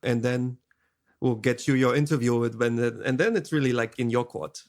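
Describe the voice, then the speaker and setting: A man's voice: medium pitch, steady tone, moderate pace, darkish tone. A man chatting and improvising casually as a player in a tabletop role-playing game.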